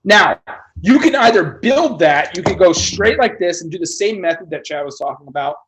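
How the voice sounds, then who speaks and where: A man's voice: sits high, expressive, normal speed, a crowd in the background. A man teaching a casual livestream cocktail class as a bartender, loose and joking, swearing casually as he talks through each step.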